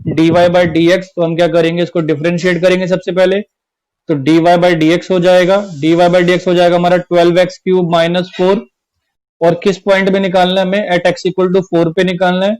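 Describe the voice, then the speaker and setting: A man with a high-pitched, darkish yet clean voice teaches a class-twelve maths lesson online, though the audio is poor. He explains each step, repeats the key points, and often says "theek hai".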